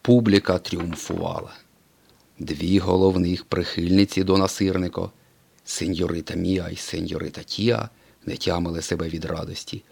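Gravelly low-voiced male storyteller. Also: moderate pace. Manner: expressive, dramatic storytelling. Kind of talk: storybook narration.

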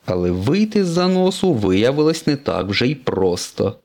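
Чоловік читає дитячу казку вголос: голос середньої висоти з помітною гравійною хрипкістю. Інтонація жвава, виразна, з широкими перепадами, як у розповіді для малечі. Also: male voice, medium pitch, normal speed. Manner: expressive, lively reading. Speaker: narrator. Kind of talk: storybook reading.

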